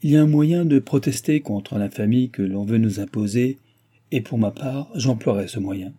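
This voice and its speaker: A man's voice: mid-range voice, moderate pace, dark tone, slightly rough, lightly acted. A man voicing a proud, outraged noblewoman, a duchess, speaking in an indignant, pleading and emphatic way.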